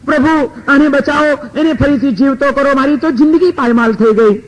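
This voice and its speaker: A man's voice: extremely high pitch, a little fast, sharp tone, voice pushed up, rough recording. A man voicing a grieving woman who pleads tearfully for her loved one to be saved. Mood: pleading.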